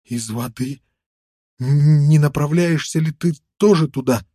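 A man's voice: fairly high pitch, unhurried, mellow, dry recording, clean studio sound, voice pushed up. A man voicing a worn-out, toothless fur trader who stammers and pleads ingratiatingly in an audiobook. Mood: pleading.

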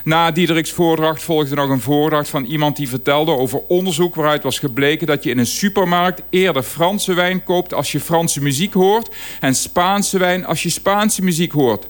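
A man's voice: fairly high pitch, moderate pace. A man reading a written radio column aloud, dry and ironic in manner.

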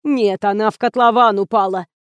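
A woman voicing an excitable, tired female theatre administrator in an audiobook. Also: mid-range voice, moderate pace, no room sound, close to an everyday voice. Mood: harried. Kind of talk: audiobook character reading.

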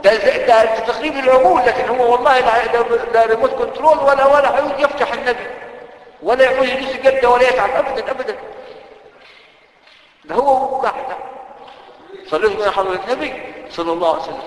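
A man with an Egyptian accent delivers a lively sermon, keeps asking his listeners questions, in a high-pitched voice. The sound rings through a large hall with a long reverb tail. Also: quick pace, pauses often. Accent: Egyptian Arabic. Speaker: preacher.

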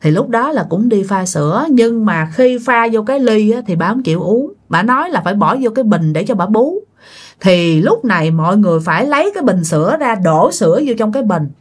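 A ghost story comes from a woman with a mid-range, lively voice who talks briskly. Her delivery is chatty, and she regularly addresses the people listening.

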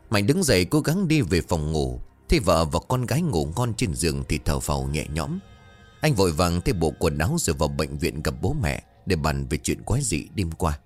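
A man narrating a horror story in a dramatic, expressive way. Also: sits low.

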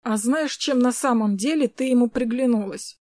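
A woman's voice: fairly high pitch, normal speed, a little mellow, no room sound, clean studio sound, natural voice. Woman reading a mocking, spiteful young woman, audiobook style. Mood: taunting. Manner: sneering, taunting.

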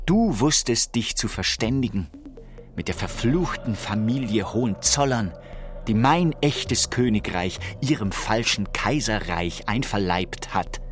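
A low, grandiose voice of a wounded, half-mad king in a radio drama. He declaims theatrically and can move between whispers and outcries. Music accompanies the monologue. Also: a bit bright. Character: proud, tormented deranged king, grandiose and wounded.

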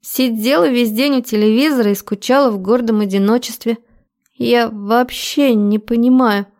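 A woman's voice: fairly even intonation, moderate pace, creaky, darkish tone. A woman reading an audiobook, voicing a hysterical, clingy young woman who pleads and sobs. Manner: shrill, tearful pleading. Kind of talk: audiobook character voice.

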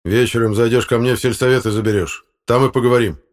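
A man's voice: medium pitch, normal speed, voice pushed up, natural voice. A man voicing an irate, indignant village council chairman who makes threats.

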